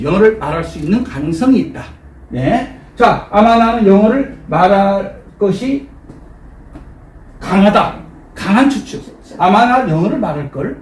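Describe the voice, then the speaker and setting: A man teaching an English lesson to a class, repeating phrases slowly and cueing the group to answer back. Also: high-pitched, a little mellow. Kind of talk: classroom lecture with call-and-response drills. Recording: echoey room, distant mic, faint noise.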